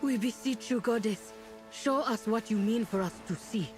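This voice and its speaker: A woman's voice: on the high side, normal speed, darkish tone, close to an everyday voice. A woman playing a solemn, commanding female troll leader, reverent toward her goddess, in a fantasy game. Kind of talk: scripted fantasy game acting. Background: game music.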